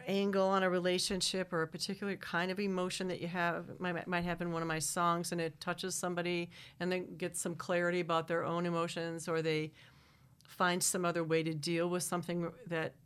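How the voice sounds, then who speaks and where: A middle-aged woman from Wisconsin with a Wisconsin accent talks into a studio microphone in a slightly low voice. She rambles through long, self-interrupting answers and laughs easily between thoughts. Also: flat delivery, fairly quick, fairly bright tone, clear, resonant tone. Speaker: singer-songwriter guest. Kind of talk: casual interview chat.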